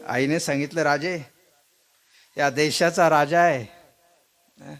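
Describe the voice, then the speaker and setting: A man preaching a devotional kirtan sermon, telling a history story dramatically, swinging from loud exclaiming to hushed lament. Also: fairly high pitch, fairly even intonation, slow pace, music in the background.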